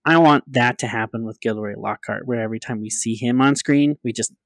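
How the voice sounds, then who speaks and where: Guy on a chatty podcast, mid-pitch voice, pushes his points hard, dead dry mic. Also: fairly quick, no room sound. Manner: emphatic, repeats himself, laughs often. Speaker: podcast co-host. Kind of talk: casual chat.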